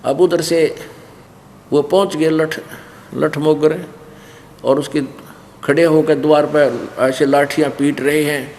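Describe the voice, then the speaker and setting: Haryanvi male preacher, animated storytelling, fairly high voice; long hall reverb. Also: slow pace, pauses often, a little hiss or hum. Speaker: spiritual teacher. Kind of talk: storytelling sermon.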